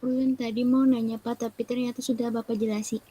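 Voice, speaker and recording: A woman's voice: a little high, little pitch movement, fast, dark tone, breathy edge, poor audio. A young female student with a Banjar Indonesian accent, politely asking her teacher a question.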